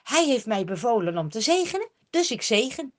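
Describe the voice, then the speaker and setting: A solemn old soothsayer, voiced by a woman, proclaiming with earnest force. His raised, lively voice rises and swells as he declaims in a storybook telling. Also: on the high side, normal speed. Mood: declaiming.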